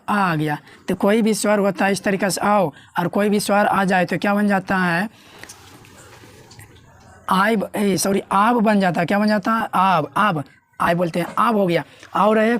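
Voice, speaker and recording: A woman teaching a grammar lesson, often asking herself questions and answering them. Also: mid-range voice. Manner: asks and answers her own questions. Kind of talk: classroom lesson explaining at a board.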